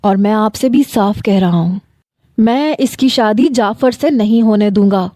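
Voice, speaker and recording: A woman's voice: mid-range voice, dark tone, dry recording, studio quality, lightly acted. A woman voicing a desperate, obsessive young man in love, pleading and insistent.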